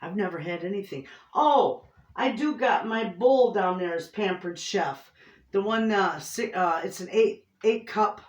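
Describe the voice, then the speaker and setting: A middle-aged woman from Michigan with an Inland Northern American accent chats casually to the camera as a folksy homestead vlogger, effusive and repeating herself. Her voice is medium-pitched and unhurried, captured by a distant microphone in a roomy, echoing space.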